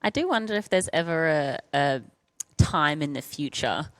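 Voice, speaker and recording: A woman in her thirties speaks as a guest on a live panel, her voice sitting low. She talks frankly and easily and laughs often, and the sound is close and dry. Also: lively intonation, normal speed, no room sound, rough recording. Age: 30s. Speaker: professional gravel racer guest. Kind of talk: casual panel chat.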